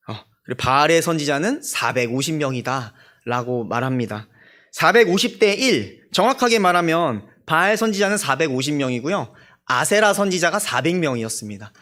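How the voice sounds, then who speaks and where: A young man preaching to his church. His voice sits a little high and swings widely in pitch as he tells stories. He acts out the quoted voices and keeps asking his listeners questions. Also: a bit bright. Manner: storytelling with acted-out quoted voices; addresses the congregation directly with questions. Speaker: junior pastor. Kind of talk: sermon. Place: church sanctuary.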